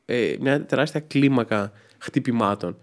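A man's voice: medium pitch, animated. A man, a stand-up comedian from Trikala with a Thessaly accent, chatting casually and rambling with many fillers as a podcast guest. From Greece, Trikala. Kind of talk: casual chat.

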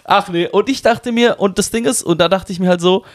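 A man's voice: sits high, brisk, no room sound, studio quality. A young man from Baden, a podcast co-host telling a story casually, with slang and lots of ums. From Baden, Germany. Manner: storytelling, swearing, hesitant fillers. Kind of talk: casual chat.

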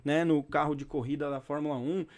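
A man with a fairly high voice runs a relaxed English class. He talks to his students like friends and repeats each word slowly so they can copy it. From Brazil. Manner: patient, repeats words slowly for practice; informal, chatty asides to students. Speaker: English teacher. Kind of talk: casual spoken lesson.

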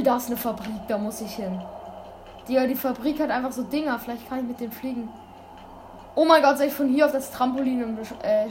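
A woman giving casual gameplay commentary, excitable and full of youthful slang, breaking into sudden loud exclamations. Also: on the high side. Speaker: let's play gamer. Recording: constant background noise.

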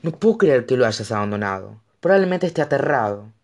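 A woman's voice: rumbling low, very animated, brisk, a little mellow, heavily acted. A narrator voicing a fierce, frantic young woman who speaks urgently and pleads, in an audiobook. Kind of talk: audiobook character voice.

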